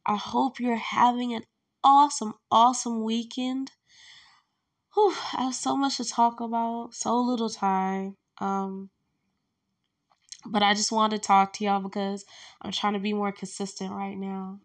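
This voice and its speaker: A young woman hosts her own solo podcast from home, chatting candidly while lying down and congested with allergies, with loose fillers and laughs. Her voice is a little high, level in tone and a little slow.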